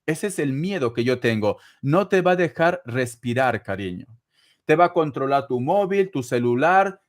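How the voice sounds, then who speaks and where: Chatty man doing a live tarot reading. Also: a little high. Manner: constant endearments, chatty and teasing, laughs often. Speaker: tarot reader answering paid chat questions.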